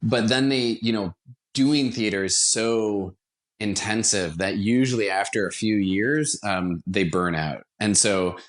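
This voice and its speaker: Speaking unhurriedly in a fairly low voice, a guest on an interview gives earnest, conversational answers and leans on repeated words for emphasis. He is an American theater company founder from Washington, D.C.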